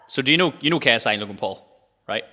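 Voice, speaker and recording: Bright, forceful man, podcast banter. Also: mid-range voice, lively intonation, racing. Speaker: podcast co-host. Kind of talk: casual banter and product chat. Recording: reverberant, hall-like room echo.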